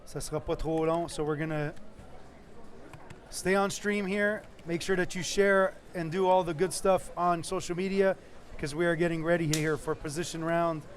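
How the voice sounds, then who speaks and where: A man's voice: on the high side, steady tone, normal speed. A man casually hosting a live sports stream, with an informal, practical way of talking. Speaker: live-stream host and technical producer. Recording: clearly noisy venue background.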